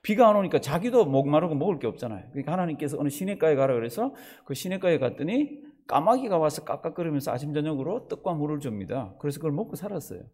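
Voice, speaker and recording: A male pastor delivering an animated sermon in a fairly high voice, his pitch rising and falling widely. He keeps asking the congregation questions and slips into other voices to act out scenes. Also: fast talker. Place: church service.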